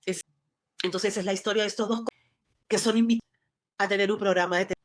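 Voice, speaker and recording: Speaking quickly with fairly even intonation and a medium pitch, this Peruvian woman is an actress guest in a casual interview. Her Lima accent comes through as she rambles, full of fillers and restarts.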